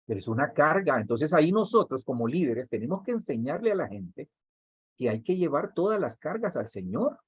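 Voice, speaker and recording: A man's voice: a little high, very animated, fairly quick, husky, no room sound, poor audio. A man, a pastor with a Honduran accent, preaching a teaching sermon to church workers, speaking straight to his listeners and repeating words for emphasis. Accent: Honduran Spanish.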